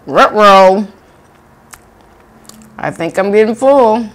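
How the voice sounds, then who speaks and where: A woman's voice: mid-range voice, big pitch swings, very slow. A young woman hosting a mukbang, chatting casually while she eats and giggling as she reads out viewer comments. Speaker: mukbang host. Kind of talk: casual chat while eating on camera.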